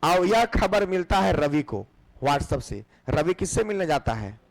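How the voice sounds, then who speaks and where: Lively, high-voiced teacher. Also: male voice, a little slow, creaky. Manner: asks questions and answers them himself. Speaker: exam-prep teacher. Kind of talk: classroom lecture with memory tricks. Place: classroom.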